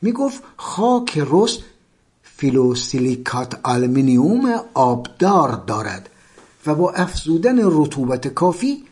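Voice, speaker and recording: A man narrating a memoir in measured storytelling, often dropping to soft tones. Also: mid-range voice, husky.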